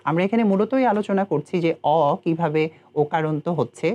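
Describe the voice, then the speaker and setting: A man from Bangladesh teaching pronunciation in a recitation lesson, speaking in a measured way and slowing down to spell out example words. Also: a little high, darkish tone.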